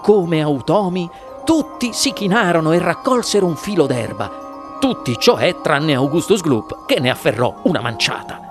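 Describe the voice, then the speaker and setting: Male audiobook narrator, high for a man, very animated delivery. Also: moderate pace, over music. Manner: lively, animated reading. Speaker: audiobook reader. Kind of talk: expressive storybook narration.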